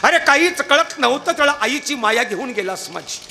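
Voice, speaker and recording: A man's voice: very high-pitched, lively intonation, fairly quick, creaky, bright, forceful tone, full character voice. A man voicing a grieving orphaned young girl who cries out and pleads with God, during a devotional kirtan. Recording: noisy live event recording.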